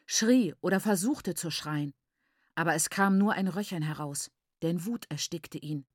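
A woman reading a novel aloud in steady, measured scripted narration. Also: mid-range voice, no echo, clean studio sound. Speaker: audiobook narrator.

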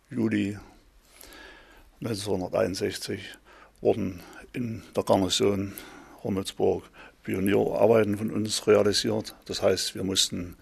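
A man in his fifties giving halting testimony for a radio documentary, pausing between phrases. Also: on the low side, gravelly, slightly rough. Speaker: interviewee, former police reservist. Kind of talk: recorded testimony.

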